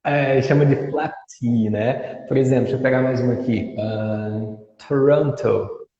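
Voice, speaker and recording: A man's voice: mid-range voice, steady tone, normal speed, warm tone. A man, an English teacher in an interview, patiently explaining and modelling pronunciations. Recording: dull audio in an echoey room with long reverb.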